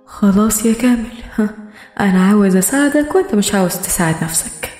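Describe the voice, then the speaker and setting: A woman voicing a calm, sadistic male police interrogator who sounds mockingly friendly, in an audiobook. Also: medium pitch, fast talker, reverberant, soft background music, lightly acted. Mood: mock friendly.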